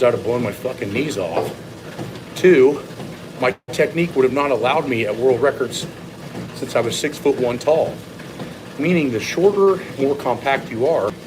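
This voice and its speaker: Blunt man talking over clear background noise. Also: medium pitch. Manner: blunt, opinionated, occasional swearing. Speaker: strength coach and former competitive lifter. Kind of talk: casual off-the-cuff training monologue.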